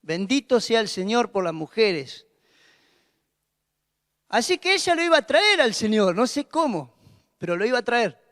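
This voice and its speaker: High-pitched pastor preaching, emphatic and repetitive, long church hall echo. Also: male voice, sing-song, moderate pace, long pauses. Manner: emphatic, repeats exclamations, drops to hushed tones for quotes. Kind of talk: sermon.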